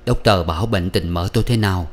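A man's voice: low voice, fast talker. Man reading a worried grown son. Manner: anxious questioning.

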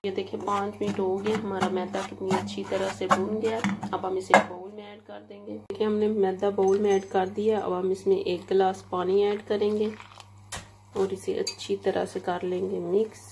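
A woman with a Pakistani Urdu accent giving steady step-by-step recipe instructions as a cooking channel host in her home kitchen. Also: mid-range voice, noisy background. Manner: steady, even, unhurried instructions. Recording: home kitchen recording with audible frying sizzle.

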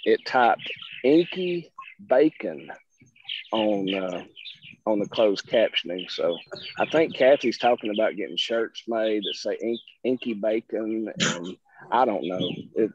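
A man's voice: fairly low pitch, a little slow, slightly rough. A middle-aged man with a Southern American accent, folksy and self-deprecating, chatting casually as a guest presenter on a video call. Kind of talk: casual chat. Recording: muffled video-call audio, faint hiss.

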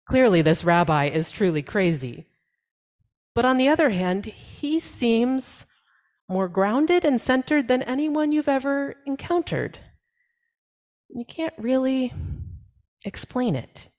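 A woman pastor delivering a storytelling sermon in the second person, with dramatic pauses and quoted voices. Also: fairly high pitch, very animated, a little mellow.

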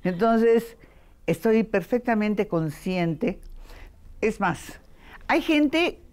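Older mexican lady chatting in an interview, lively stories, does little voice imitations. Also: mid-range voice, very slow. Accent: Mexican Spanish. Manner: lively storytelling with playful voice imitations. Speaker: voice actress and dubbing director. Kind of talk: casual interview chat.

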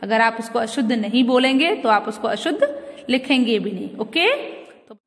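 A woman teacher giving a grammar lesson to young children, asking questions and drawing out each word slowly to drill pronunciation. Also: on the high side, sing-song. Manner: slow, drawn-out pronunciation drills with repeated questions. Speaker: school teacher. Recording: echoey room with long reverb.

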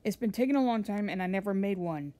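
A woman talking casually about her video thumbnails as she shows them, rambling and excited, often restarting her sentences. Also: medium pitch, fast. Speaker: channel owner showing thumbnails. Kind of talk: casual screen-share narration.

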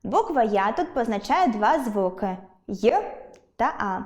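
Clear, careful woman teaching a lesson. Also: fairly high pitch, very animated, moderate pace. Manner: clear, careful, spelling out sounds one by one. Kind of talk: scripted online lesson.

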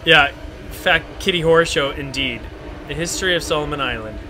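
A drunk young man live-streams a horror game, swearing freely and reading the in-game notes aloud in a mock-official voice. He speaks briskly with a slightly high pitch, and there's background noise.

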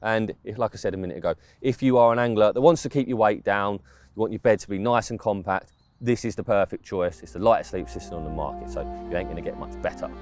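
Standing outdoors in woodland, a man reviews fishing gear in a chatty, informal way, explaining the specs step by step. His voice is fairly low and a little mellow, and he talks fast. Soft music plays in the background.

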